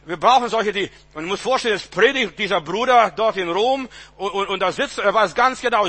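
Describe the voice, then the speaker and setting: A man's voice: a little high, bright, forceful tone. A man preaching a sermon, emphatic and repetitive, often restarting with stammered words, on a radio-style recording.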